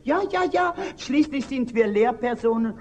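An actress playing a prim, nosy middle-aged spinster schoolteacher in a stage comedy, fussy and indignant. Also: female voice, fairly high pitch, expressive, normal speed, darkish tone, close to an everyday voice. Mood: scandalized. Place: theater stage.

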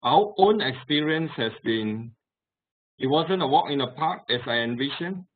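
A middle-aged man giving a measured keynote over a video call, with some hesitations. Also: mid-range voice, husky. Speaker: company founder giving keynote. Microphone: video call webcam. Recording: tinny call audio.

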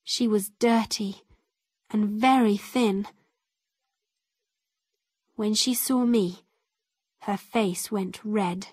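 A woman narrating an easy-level story in the first person, reading slowly and carefully. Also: medium pitch, fairly even intonation, darkish tone, husky, dry recording, studio quality. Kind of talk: slow graded-reader story narration.

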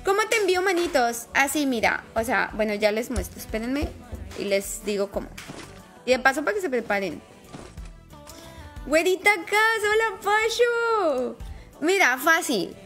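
Chatting through a game live stream, a woman with a high, bright voice talks a lot and affectionately greets viewers by name. She's very animated but unhurried, and soft music plays faintly in the background.

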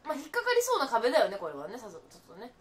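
A woman's voice: a little high, wildly swooping pitch, racing. A young woman chatting casually as a game streamer, teasing her partner and giving her hints. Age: young adult. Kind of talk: casual live gameplay chat. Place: indoor room, seated beside co-player.

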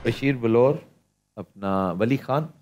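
A middle-aged man hosting a TV quiz, firing off questions in quick, animated banter in a studio. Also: medium pitch, faint music behind. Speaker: quiz host. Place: TV studio set, indoors.

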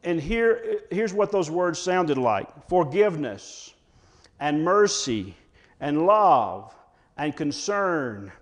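A man preaching a sermon as pastor, reading scripture slowly and dramatically. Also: fairly high pitch, sing-song. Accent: American.

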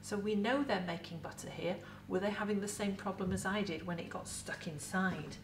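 Middle-aged English woman, museum educator, chatty lively talk, echoey room, distant mic. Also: medium pitch, moderate pace, slight background noise. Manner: lively, chatty presenter with props. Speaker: museum educator in Viking costume. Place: indoor museum set with replica kitchen. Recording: roomy echo, voice from a distance.

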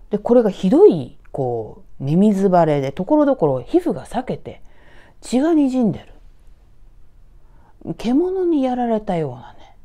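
A woman from Tokyo telling a ghost story in a hushed, dramatic way, sinking into whispers and voicing the eerie sounds herself. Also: medium pitch. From Tokyo, Japan. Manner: hushed, dramatic, dropping to whispers at tense moments; sound effects voiced aloud. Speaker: ghost story author and narrator.

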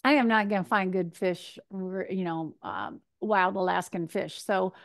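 A woman in her fifties from Michigan, a nutrition speaker answering questions in a chatty, animated way over a video call from her home kitchen. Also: medium pitch, a little slow, gravelly. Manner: chatty and animated, gesturing, acts out her own thoughts. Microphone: video call webcam.

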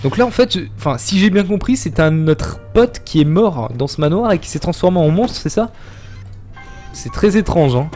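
A man's voice: sits high, lively intonation, normal speed, dark tone, soft background music. A young man chatting and joking as he streams a horror game, reading chat and yelping at scares. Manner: chatty, jokey, reacts with yelps and laughs. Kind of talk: live gameplay commentary.

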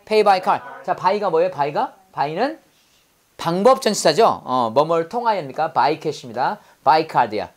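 A woman's voice: deep voice, very animated, slow. A woman teaching English vocabulary in class, drilling students with call-and-repeat prompts and playful memory tricks.

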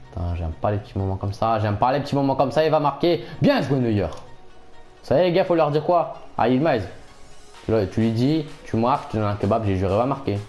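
A young man commentating his own football video game match, excitable and quick to shout and repeat himself. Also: mid-range voice, faint music behind. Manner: excitable, shouts at big moments, repeats phrases rapidly. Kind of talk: casual live gameplay commentary.

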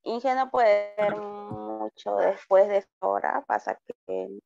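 A woman's voice: medium pitch, slow, vocal fry, darkish tone, soft background music. A female student speaking politely to her teacher during an online class. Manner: polite, relays questions to the teacher. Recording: dull lo-fi video call.

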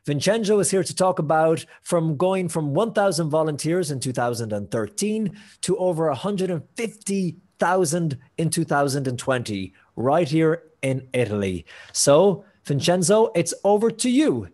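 A man's voice: on the high side, animated, normal speed, few pauses, a little mellow. A man hosting a live virtual conference as moderator, chatty and upbeat with light jokes between speakers.

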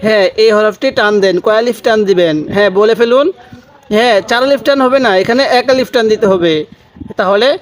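A man teaching Quran reading, drawing out each letter slowly and prompting his viewers to answer. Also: high voice. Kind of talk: Quran recitation lesson.

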